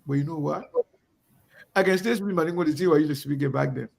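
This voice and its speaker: Creaky and on the high side, this middle-aged man talks fast with a Liberian English accent. As an online talk show host, he pours out an emphatic monologue, repeating himself with a preacher-like rhythm.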